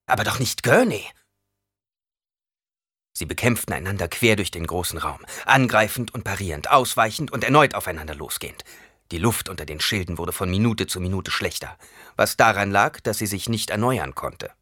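A male audiobook narrator reads in an expressive storytelling manner. His voice is husky and bright and sits fairly low, with a lively intonation. The recording is dry and close. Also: fairly quick, no room sound. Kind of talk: scripted narration.

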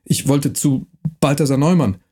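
A man voicing a timid male stranger who stammers nervously, with a husky voice. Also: a little high, moderate pace, dark tone.

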